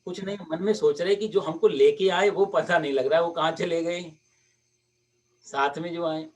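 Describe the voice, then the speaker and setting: A man's voice: a little high, steady tone, normal speed, recorded from a distance, pitched above the performer's own voice, natural voice. A man voicing a humble, simple old male saint who pleads earnestly in a story sermon.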